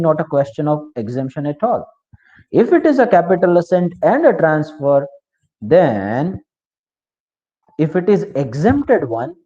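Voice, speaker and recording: A man's voice: a little high, mellow. A man with an Indian English accent teaching tax law in an online class, explaining step by step and asking the class questions. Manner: explanatory, repeats key terms, asks the class questions. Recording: slightly dull, lo-fi.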